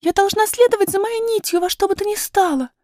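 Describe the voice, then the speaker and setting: A woman voicing a young princess girl who speaks in a high, insistent, eager way. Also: fast talker, dry recording, clean studio sound. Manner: bright, insistent, high-pitched.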